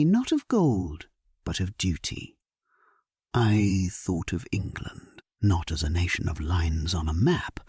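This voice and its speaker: Guy playing a solemn old-time warrior king, super slow, low and hushed, sleep story audio drama. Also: breathy edge, no echo, clean studio sound, heavily acted. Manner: grave, reflective, hushed, measured. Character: solemn, pious medieval English warrior king before battle.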